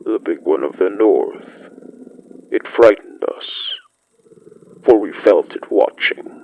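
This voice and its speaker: Very deep and gravelly, a man plays an ancient great wolf-beast and solemn pack elder remembering primeval winters. He's the storyteller of a scripted horror podcast monologue, measured and poetic, with an ominous, awed mood, and the audio is narrow and tinny.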